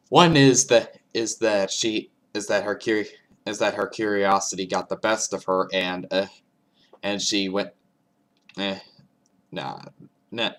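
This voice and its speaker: A man giving casual reaction commentary, halting and often repeating and restarting his phrases. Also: lowish voice, a bit bright. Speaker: reaction video host.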